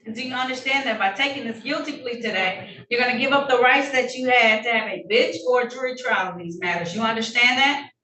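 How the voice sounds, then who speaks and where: A woman judge running formal hearings, brisk and polite, heard in a courtroom recording. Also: on the high side, sharp tone. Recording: echoey room heard from a distance, faint noise.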